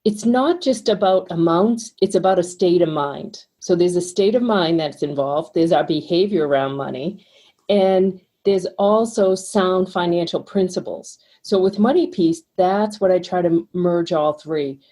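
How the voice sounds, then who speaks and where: A middle-aged woman with a Boston accent, a financial coach explaining ideas calmly and steadily as a podcast guest. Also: lowish voice, slightly rough. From Boston, USA. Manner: calm, explanatory, measured. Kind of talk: podcast interview.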